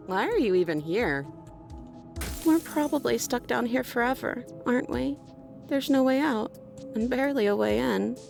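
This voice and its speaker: A woman's voice: high voice, gravelly, darkish tone. A woman playing a haughty, teasing captive princess in a video game, with a regal cartoon princess delivery.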